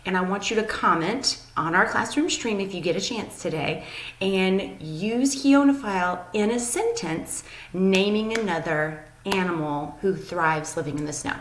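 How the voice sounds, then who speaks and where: A woman's voice: medium pitch, measured pace, a little hiss or hum. A woman teacher giving an upbeat, chatty daily video lesson to young students, with many ums. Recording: echoey room.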